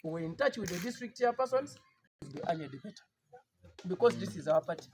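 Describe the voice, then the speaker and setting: A man's voice: high voice, expressive, fairly quick, background noise. A man with a Ugandan English accent, a party politician giving an emphatic, defiant press statement with repeated rallying lines.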